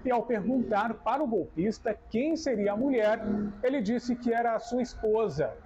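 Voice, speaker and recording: High-voiced young Brazilian male reporter. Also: animated, moderate pace, dark tone. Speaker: news reporter. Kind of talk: scripted news report. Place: room beside a window with blinds. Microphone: lapel mic. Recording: dull audio with clear background noise.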